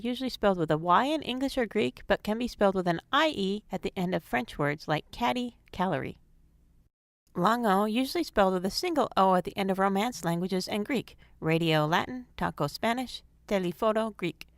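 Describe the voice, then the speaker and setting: A woman giving a scripted phonics lesson, speaking in a clear, measured teaching manner. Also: medium pitch, dry recording, studio quality. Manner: clear, measured instructional delivery.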